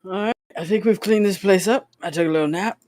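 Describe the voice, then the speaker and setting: A man's voice: sits high, fast talker, a little mellow, no room sound, studio quality. A man playing a tabletop game, chatting casually and playfully and repeating his phrases as a running joke. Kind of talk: casual joking game chat.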